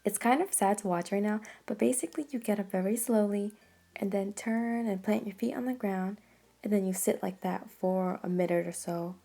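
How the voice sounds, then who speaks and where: A woman's voice: medium pitch, creaky, warm tone. A woman in her twenties giving a casual, step-by-step how-to voice-over. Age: 20s. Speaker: vlogger narrating a demonstration. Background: music.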